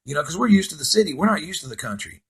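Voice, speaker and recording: Gravelly, husky man telling a wild story. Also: a little high, very animated, very fast. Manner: rambling, heavy swearing, laughs at own story. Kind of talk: profane casual storytelling.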